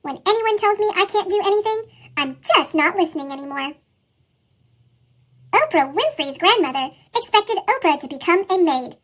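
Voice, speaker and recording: A storybook reader whose voice has been sped up and pitched up into a chipmunk voice, reading a children's picture book aloud in a steady, earnest way.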